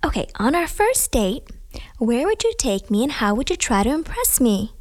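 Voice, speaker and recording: High, lively woman on a dating show. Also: normal speed. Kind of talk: game show questioning and reacting.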